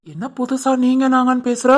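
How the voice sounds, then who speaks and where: A woman's voice: high voice, fairly quick. Woman voicing a stubborn young husband. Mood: coaxing. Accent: Tirunelveli Tamil. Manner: insistent, scolding, coaxing. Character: young village husband, stubborn but loving. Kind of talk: animated family drama voice acting.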